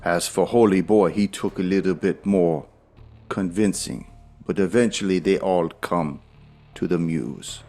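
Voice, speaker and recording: A man playing a menacing cult zealot in a tabletop game, making slow, solemn, archaic pronouncements. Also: deep voice, darkish tone, soft background music. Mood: coaxing, ominous. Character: menacing cult zealot with eye patch, solemn, preaching release.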